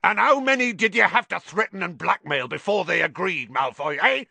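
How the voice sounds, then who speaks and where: A man voicing a huge, hot-tempered, rough-spoken man in an audiobook, with a growling, blustering delivery. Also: on the high side, sing-song, slow pace, pushed and bright, dry recording, voice pushed up, exaggerated voice. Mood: furious. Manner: roaring, growling, rough colloquial speech. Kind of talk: audiobook character acting.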